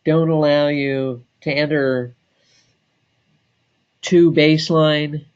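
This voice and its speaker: A man training staff on database software, talking slowly and deliberately with frequent filler pauses. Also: a little high, flat delivery, clean tone, lo-fi sound. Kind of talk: screen-share software tutorial.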